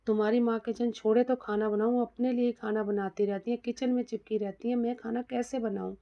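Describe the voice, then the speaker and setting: A woman's voice: a little high, little pitch movement, brisk, mellow, lightly acted. A woman voicing a pampered young wife who weeps and complains, in a dull lo-fi recording. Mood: tearful complaint. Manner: weeping, complaining.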